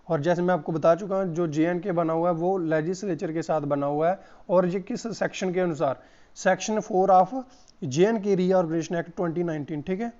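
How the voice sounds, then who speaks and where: A hoarse man giving an exam-prep lesson, repeating each answer and calling his viewers friends. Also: high voice, darkish tone, muffled recording. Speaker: exam coach.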